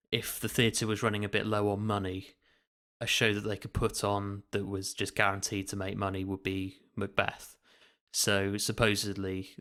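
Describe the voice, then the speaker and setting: This man, a podcast co-host, has a low, fairly bright voice with very little rise and fall in pitch. He explains things casually and qualifies his statements as he goes.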